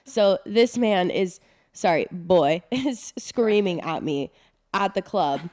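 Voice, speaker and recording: A young woman talks casually as a podcast co-host, trading wry jokes with her friend. She tells her own story in a relaxed, candid way. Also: mid-range voice, slow pace. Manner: wry, joking reactions. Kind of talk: casual chat.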